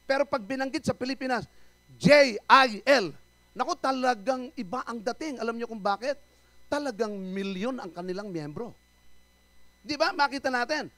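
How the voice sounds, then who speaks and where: A male pastor preaching a church sermon, firing rhetorical questions at the congregation and swinging between loud calls and quiet asides. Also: very high-pitched, expressive, moderate pace, dry recording. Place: church service.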